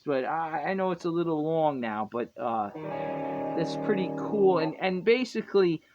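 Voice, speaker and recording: A man with a fairly high voice teaches guitar in loose, rambling talk, often breaking off to fix himself and chuckle. The recording is dull and lo-fi. His own guitar rings out clearly behind him. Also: expressive, moderate pace. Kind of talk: casual music lesson.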